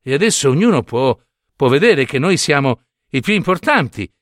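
A man's voice: a little high, moderate pace, no echo, clean studio sound. A man voicing a bunch of boastful matches bragging that they are the most important. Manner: boastful, excited.

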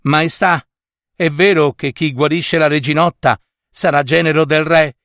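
A man voicing an excited young male hero in a spoken fairy tale, pleading and urgent. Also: fairly high pitch, measured pace, no room sound, clean studio sound, voice pushed up. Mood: eager.

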